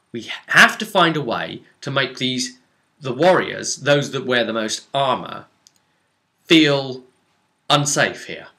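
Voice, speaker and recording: With a sharp, medium-pitched voice, a man acting as game master goes back over a tabletop role-play session. His retelling is casual yet forceful and theatrical.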